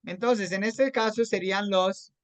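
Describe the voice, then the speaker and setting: An English teacher with a Colombian accent patiently explains grammar to a student in an online class, slipping English words into her Spanish and checking often that the student is following. The voice is medium-pitched, a bit bright and a little slow, with no room sound.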